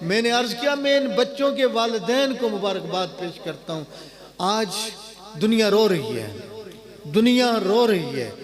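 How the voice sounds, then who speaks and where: A male cleric delivers a fervent sermon in a notably high voice. He leans on repetition, saying key lines twice to drive them home. Behind him, a gathered crowd is clearly audible throughout the live recording. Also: animated. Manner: impassioned, repeating phrases for emphasis. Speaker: Islamic cleric addressed as maulvi. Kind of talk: emotional Islamic sermon to a gathering.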